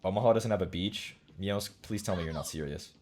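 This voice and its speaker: A man's voice: low-pitched, brisk, a little mellow. A man in his late twenties streaming a game, chatting casually and joking while he reads his chat aloud. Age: late 20s.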